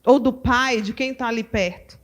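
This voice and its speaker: A Brazilian woman teaching at a women's church conference, animated and full of rhetorical questions to her audience. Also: a little high, moderate pace. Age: adult mother. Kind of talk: lively teaching talk to a live audience.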